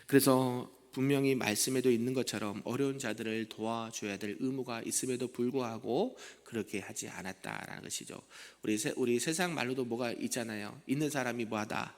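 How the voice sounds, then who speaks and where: A man's voice: mid-range voice, brisk, hardly any pauses. Man preaching in a reverberant church. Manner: conversational preaching, asks the congregation questions. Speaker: senior pastor. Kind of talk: early morning prayer sermon. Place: church sanctuary.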